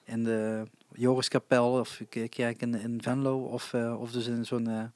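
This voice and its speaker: A man's voice: mid-range voice, level tone, a little slow, darkish tone, dry recording. Casual male talker, hesitant and chatty, dry close recording. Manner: chatty, frequent hesitations and laughs. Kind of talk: casual chat about live music venues.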